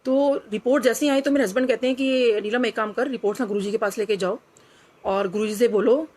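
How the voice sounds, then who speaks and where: A middle-aged woman recounts a personal testimony in an earnest, reflective way. Her voice sits a little higher than most women's, and she often slips into quoted dialogue and English phrases. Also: fast, a little mellow. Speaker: devotee sharing a testimony. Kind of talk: personal storytelling.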